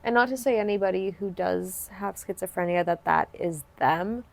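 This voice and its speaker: A woman's voice: mid-range voice, moderate pace, creaky. A woman hosting a podcast, chatting earnestly and supportively in long, winding sentences. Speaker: podcast host. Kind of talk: casual interview chat.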